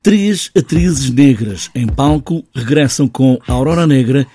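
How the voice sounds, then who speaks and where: A man narrates a scripted news report in a measured, formal way. His voice is mellow and dark, and faint noise sits behind it. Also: mid-range voice, animated.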